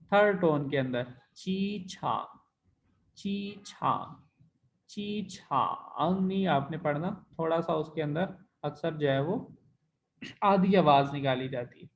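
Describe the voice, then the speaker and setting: A man with a high voice teaches an online language class at an unhurried pace. He explains patiently and drawls out sample syllables again and again to show the tones. The audio is dull and lo-fi, like a recorded online class. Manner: slow, explanatory, demonstrates tones by repeating syllables.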